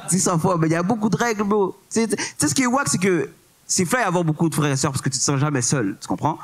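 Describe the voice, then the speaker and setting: A man's voice: high voice, animated, fast talker. A young man in his twenties with a Québécois accent doing a stand-up set on a club stage, full of slang and English words, often asking if you follow. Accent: Québécois French. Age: 20s. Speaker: stand-up comedian.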